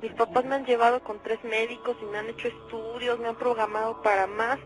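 A woman's voice: a little high, flat delivery, fairly quick, poor audio. A young woman calling a radio show, frightened and pleading for help. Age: young adult. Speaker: caller. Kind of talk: radio call-in.

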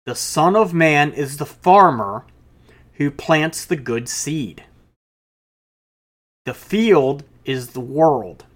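A male pastor preaching a sermon, reading scripture aloud and explaining it with casual asides. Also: a little high.

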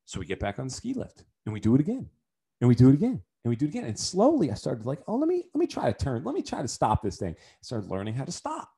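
Animated male podcast storyteller. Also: medium pitch, quick pace, vocal fry, slightly rough. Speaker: podcast host. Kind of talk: storytelling monologue.

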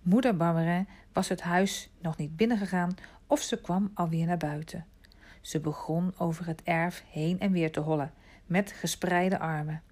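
A woman reading a children's novel aloud as an audiobook, calm and measured, dropping to a hush at quiet moments. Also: lowish voice. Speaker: audiobook narrator. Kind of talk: scripted storybook narration.

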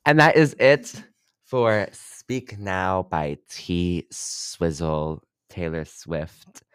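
A man's voice: sits low, drawn-out words, smooth, no room sound, studio quality. A young man hosting a casual music review podcast, loose and chatty with lots of fillers. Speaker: podcast host.

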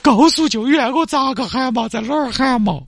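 A man voicing a whiny, self-pitying woman truck driver who is stranded on the highway in a comedy skit. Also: normal speed, vocal fry, heavily acted. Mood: whiny, tearful. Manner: whiny, self-pitying wailing and dramatic complaints. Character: weepy, helpless woman trucker, middle-aged.

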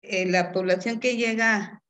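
A woman's voice: mid-range voice, fairly even intonation, a little slow. Encouraging Mexican woman professor. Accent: Mexican Spanish. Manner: warm, encouraging, laughs often, asks "¿sí?". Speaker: chemistry professor. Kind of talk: interview answers.

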